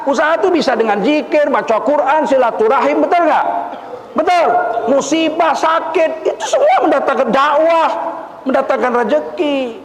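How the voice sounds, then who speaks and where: A man preaching a lively sermon, telling stories and asking the crowd questions. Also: very high voice, normal speed. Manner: animated storyteller, asks the crowd questions. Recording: echoey hall, faint ambience.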